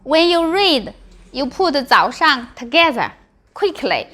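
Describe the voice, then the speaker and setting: A woman's voice: high-pitched, sing-song, slow, pushed and bright. A woman with a Chinese accent teaching a language class, encouraging and practicing tones by repeating syllables and words.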